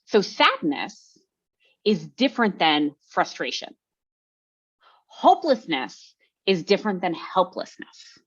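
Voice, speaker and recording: Woman running a webinar, chatty, keeps asking "right?", low-ish voice, muffled call sound. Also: big pitch swings, slow pace, long pauses, slightly rough. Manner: conversational, often tags sentences with "right?". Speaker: workshop presenter. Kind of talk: online workshop talk. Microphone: video call.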